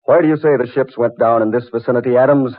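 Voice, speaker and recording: A dry, level-headed yachtsman, played by a man in old-time radio style. His mid-pitched, skeptical voice has the thin, narrow sound of an AM broadcast. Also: steady tone, quick pace, natural voice. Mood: conciliatory. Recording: tinny old AM radio recording.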